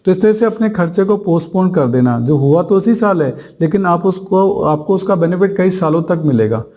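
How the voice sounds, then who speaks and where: Guy teaching accounting for exams, mellow voice, mixes in english terms, keeps asking then answering himself. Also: high voice, lively intonation, normal speed. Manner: explains step by step, asks rhetorical questions and answers them. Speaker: commerce teacher. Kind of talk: exam-prep accounting lecture.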